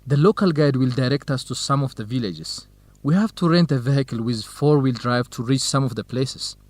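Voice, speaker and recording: A young adult male actor plays a kind, helpful student researcher in a radio drama made for English learners, speaking carefully and formally with a matter-of-fact mood. His mid-range voice is a little mellow, delivered at normal speed and only lightly acted, with no room sound.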